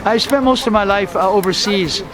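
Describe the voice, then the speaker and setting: A man in his sixties from the US, telling his story outdoors in an unhurried, rambling way with many fillers. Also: high-pitched, low-quality recording. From USA. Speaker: interviewee, street vendor. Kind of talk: casual storytelling interview. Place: outdoors on a town street. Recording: travel video with loud music bed. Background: loud background music.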